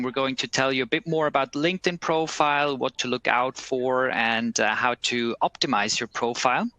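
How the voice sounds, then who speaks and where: A man's voice: mid-range voice, pushed and bright, no room sound, low-quality recording. A man in his thirties from Bern, a recruiter presenting a webcast, friendly but hesitant. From Bern, Switzerland. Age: 30s. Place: office.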